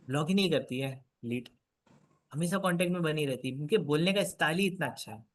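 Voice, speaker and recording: A man leading an online sales coaching session, prompting and encouraging his students. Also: on the high side. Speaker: sales trainer.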